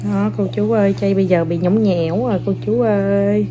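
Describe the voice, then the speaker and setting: A young mother with a mid-range voice films her kids and talks to viewers in a casual, playful way, with music playing behind her. Her intonation stays fairly even and she speaks fairly quickly, coaxing the children and repeating short commands to them.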